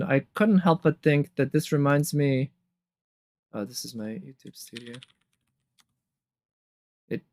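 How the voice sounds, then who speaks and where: A streamer with a fairly high, slightly mellow male voice reacts to game trailers with casual, off-the-cuff live commentary, musing aloud and sometimes humming tunes. Game trailer music with guitar plays behind him.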